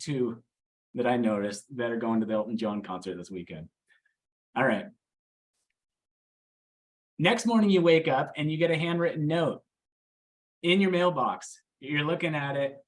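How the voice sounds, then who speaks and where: Brief: male sales coach, mid-pitch, animated storyteller, keeps asking the room questions. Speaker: real estate team coach. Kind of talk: training talk to a small team.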